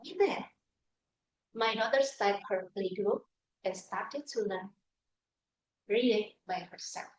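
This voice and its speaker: Speaking slowly and leaving long pauses, a middle-aged Indonesian woman with a mid-range voice shares funny stories about herself in a prepared club speech. The humor is self-deprecating, and she sounds distant from the mic in a reverberant meeting room.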